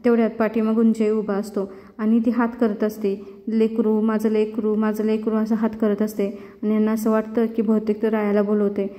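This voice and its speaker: Here the woman narrating the serial episode sounds mellow and brisk, her medium-pitched voice barely moving as she acts out what the characters said. It's a dull, low-fidelity recording with long reverb.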